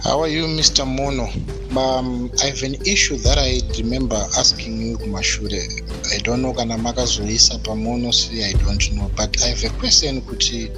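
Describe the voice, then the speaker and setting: A man with a Zimbabwean accent, heard as a recorded voice message that is played back. He is asking a listener's question in a hesitant way, pausing often to find his words. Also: mid-range voice. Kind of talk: casual spoken voice message.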